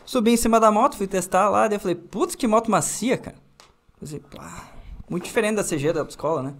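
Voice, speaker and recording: A man's voice: high voice, quick pace. A man in his thirties from southern Brazil, a guest telling self-mocking stories in a casual studio chat. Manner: animated storyteller, self-mocking. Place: small foam-padded studio room.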